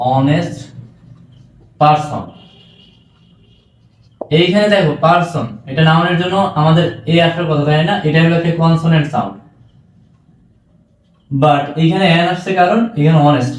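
A man's voice: fairly high pitch, quick pace. A man with a Bangladeshi Bengali accent giving an exam-prep English lecture, often checking whether students have understood. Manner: keeps asking students if they understood. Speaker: English teacher. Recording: echoey room.

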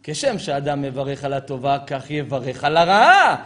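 A man, a rabbi, preaching to a live audience, animated, firing rhetorical questions and answering them himself, sometimes shouting at high points. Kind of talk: lively sermon to a live audience.

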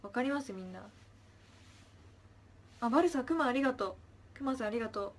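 A young idol chats casually on her livestream, reading viewer comments aloud, chirping thanks and drifting into soft murmurs. Her voice is fairly high, expressive and brisk.

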